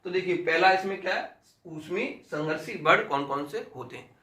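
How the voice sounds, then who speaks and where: Bright, high-voiced man teaching in an echoey room. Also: moderate pace. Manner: drills sounds by repeating them aloud, asks and answers his own questions. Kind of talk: exam-prep grammar lesson.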